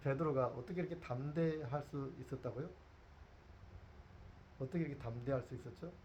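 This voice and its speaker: A man's voice: medium pitch, fairly quick, darkish tone, slight background noise. A man preaching a sermon as pastor. He tells the scene like a story, acts out the characters and asks the congregation questions.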